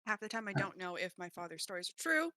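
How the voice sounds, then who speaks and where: A woman chatting at a tabletop game session, telling a quick family story and reacting to the others. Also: on the low side, big pitch swings, bright, forceful tone, no room sound, studio quality. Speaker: player. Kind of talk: casual chat at a game table.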